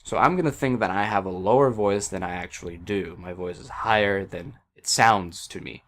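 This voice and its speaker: A low-pitched, slightly bright male voice, with a bit of background noise, rambles about audio settings at normal speed. He's indoors at a computer by a wall wearing a headset, hesitating, restarting, leaning on fillers and putting himself down.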